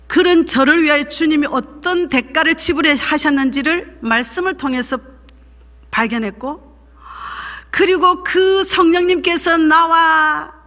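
A woman's voice: high-pitched, bright, forceful tone. A woman, a pastor's wife giving an emphatic, fervent sermon testimony. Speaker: pastor's wife leading a seminar. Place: church sanctuary. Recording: echoey church hall.

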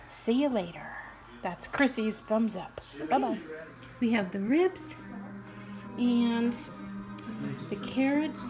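The recording is rough, and the woman's pitch sits fairly high. Middle-aged, she films her own cooking vlog on a handheld phone, talking in a homey, chatty way as she makes family dinner in her kitchen and living room.

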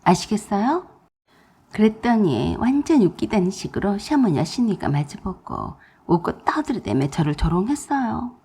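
Husky, animated woman storyteller. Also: mid-range voice, moderate pace. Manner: expressive, indignant storytelling. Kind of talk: dramatized first-person story narration.

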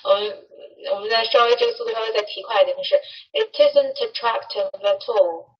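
Lively woman teacher in a dull distant recording. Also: a little high, slight background noise. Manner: lively, demonstrates words slowly. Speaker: English teacher. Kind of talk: recorded English lesson.

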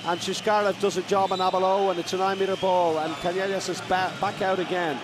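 A man giving live handball commentary in short, emphatic, excitable phrases. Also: high-pitched, a little fast, noisy background. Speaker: sports commentator. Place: large indoor sports arena with crowd.

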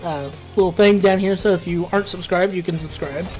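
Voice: medium pitch, a little fast, darkish tone, faint music behind. A gameplay commentator talking casually over a match, rambling and ranting with plenty of filler words. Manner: rambling, ranty, laid-back with filler words.

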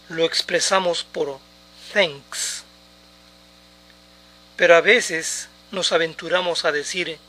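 Slow, bright-voiced man teaching English. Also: fairly high pitch. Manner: repeats English words slowly for pronunciation drills. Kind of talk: slow, deliberate language lesson.

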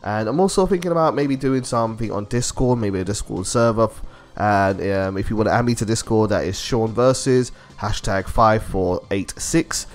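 A man's voice: fairly low pitch, moderate pace. A man giving casual, chatty commentary for a gaming video, recorded as a voice-over. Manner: chatty, loose and conversational.

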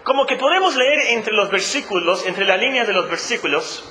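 A Mexican man with a northern Mexican accent preaching a sermon as pastor, expressive and repeating phrases for emphasis. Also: high-pitched, normal speed, a little hiss or hum. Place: church sanctuary. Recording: echoey church hall, faint ambience.

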